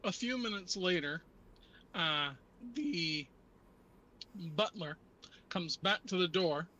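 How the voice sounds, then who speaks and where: Male game master, higher-pitched and bright, unhurried halting narration of a tabletop game. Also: lively intonation, low-quality recording.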